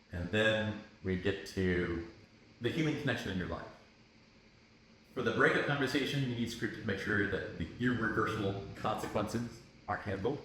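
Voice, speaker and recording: A man co-hosting a podcast, chatting casually and animatedly, often laughing and jumping up in pitch when excited. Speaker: podcast co-host. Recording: echoey room with faint noise.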